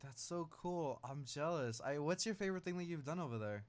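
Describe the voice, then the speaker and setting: A young man interviews a guest in a relaxed chat. His speech is halting and full of "like." He keeps stopping and restarting his sentences. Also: on the high side. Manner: halting, frequent "like" and "mm-hmm". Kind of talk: casual interview.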